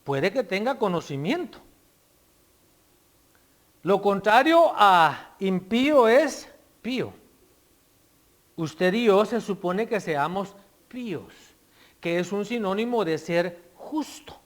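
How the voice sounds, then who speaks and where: A man pastor preaching a sermon, explaining his word choices and swinging between loud emphatic phrases and soft asides. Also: sits high, big pitch swings, takes it slowly, pauses often.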